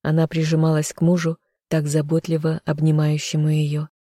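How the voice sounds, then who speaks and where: An audiobook narrator reads first-person narration in a measured way. The delivery is flat and even, with a mellow, dark tone. The recording is dry and close. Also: mid-range voice, no echo.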